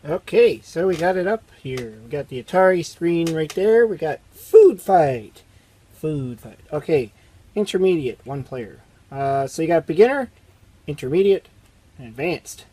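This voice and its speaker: A man around his thirties or forties with a strained, hoarse and raspy voice, chatting in a rambling, conversational way as host of a retro gaming channel. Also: fairly high pitch, expressive, unhurried, warm tone. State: hoarse from strained vocal cords. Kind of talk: casual chat to camera. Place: indoors, small basement game room.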